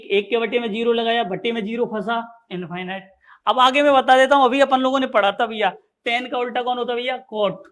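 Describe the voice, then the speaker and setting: A man with a high voice teaches a math lesson in class, drilling the material repetitively and addressing his students as bhaiya and sahab.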